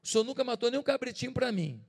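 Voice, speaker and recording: Brief: man playing a resentful older brother, bitter and accusing, high and heated, church echo. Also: lively intonation, rapid-fire, gravelly, full character voice. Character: resentful indignant older son. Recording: reverberant church hall.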